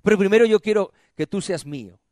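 A man preaching a sermon who asks questions and answers them himself, has the congregation repeat phrases, and drops to soft, low phrases for emphasis. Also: quick pace, no echo, clean studio sound.

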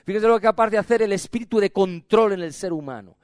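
A man's voice: high-pitched, fast talker, darkish tone, clean tone, dry recording, clean studio sound. A man preaching a sermon with emphatic, repetitive, dramatic delivery.

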